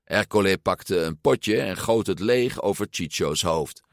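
A man reading a children's story aloud, slow and animated, giving each character a voice. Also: low voice, gravelly, no room sound, clean studio sound. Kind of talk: storybook read-aloud narration.

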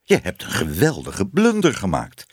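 A man's voice: on the low side, wildly swooping pitch, moderate pace, husky, dry recording, studio quality, full character voice. A man reading a storybook and voicing a nervous, stammering male newspaper editor. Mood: stern.

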